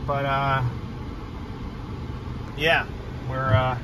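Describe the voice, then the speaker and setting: A man's voice: mid-range voice, little pitch movement, extremely slow. Rambling young man talking while driving. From New England. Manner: rambling, self-correcting, with filler ums. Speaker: car vlogger. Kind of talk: casual driving vlog. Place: inside a moving car. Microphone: phone camera on the dashboard. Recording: car and road noise behind.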